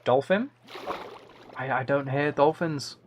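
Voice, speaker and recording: Speaking slowly at medium pitch, a livestreamer and author chats on a gaming stream in a playful, rambling manner, trying out impressions of game sounds. Behind him are faint noise and the typing and clicking of a keyboard.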